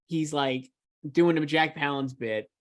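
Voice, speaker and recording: A film awards editor co-hosting a laid-back movie conversation speaks in a slightly high voice at a slightly slow pace. His delivery is emphatic and loose, full of repeated fillers, as the casual chat turns to film commentary.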